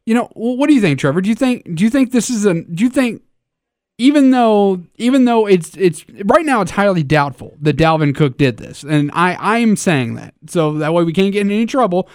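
A man's voice: high voice, sing-song, brisk, dry recording, studio quality. A man hosting a casual sports talk show, stammering through restarts as he poses questions to his co-hosts.

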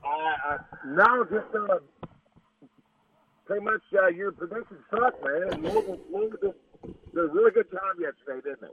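A man's voice: high voice, big pitch swings, brisk, gravelly. A man calling into a radio show, heard over a tinny phone line, needling the host in a mocking way. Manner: teasing, mocking. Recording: dull phone line with faint hiss.

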